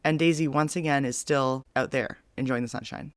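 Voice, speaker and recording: A woman co-hosts a casual podcast, spinning long, animated explanations. Her voice is smooth and clear, recorded close with a dry sound. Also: rumbling low, brisk, no echo. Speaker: podcast co-host. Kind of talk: casual chat.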